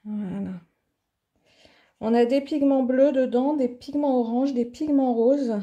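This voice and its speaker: A woman's voice: high voice, slow pace, dark tone. A woman hosting an art tutorial in her home office, chatting casually and thinking aloud with plenty of fillers as she demonstrates.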